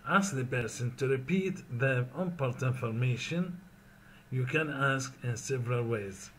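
A man with an Iraqi accent teaching an English lesson, reading each phrase slowly, repeating it, then translating it. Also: mid-range voice, slight background noise.

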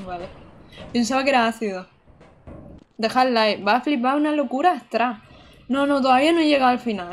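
A woman's voice: on the high side, a little hiss or hum. A woman, streaming a video game live, chatting casually, laughing often and reading chat aloud.

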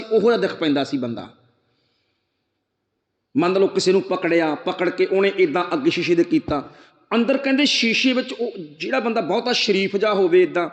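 High-voiced man preaching in an echoey hall. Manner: asks rhetorical questions, recites verse lines slowly; addresses listeners directly. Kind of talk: sermon exposition of scripture. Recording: echoey hall, dull lo-fi sound.

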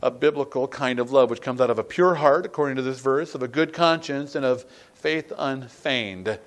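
A middle-aged man, a pastor, preaching a sermon with emphatic, dynamic delivery, reading scripture slowly and deliberately. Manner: emphatic preaching, swinging from loud rising peaks to quiet low asides.

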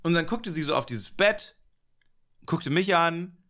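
A man's voice: on the high side, lively intonation, unhurried, fairly bright tone. A man co-hosting a podcast, telling a rambling anecdote in casual chat, laughing often and acting out quotes. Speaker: podcast co-host.

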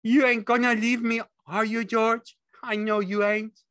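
A man's voice: high voice, flat delivery, unhurried, fairly bright tone, no room sound, voice pushed up. A man voicing a big, childlike, simple man in an audiobook, naive and pleading, with ungrammatical speech. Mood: eager, anxious. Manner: naive, uneducated rural speech with bad grammar.

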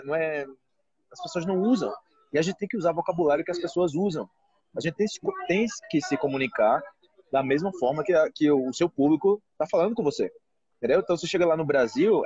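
A Brazilian Portuguese teacher and channel host in his thirties chats casually and animatedly on a live video call from inside a restaurant, often asking "entendeu?". His voice is on the high side, darkish, and slightly rough. Recorded on a phone held close with the front camera, the sound is dry with the highs cut off.

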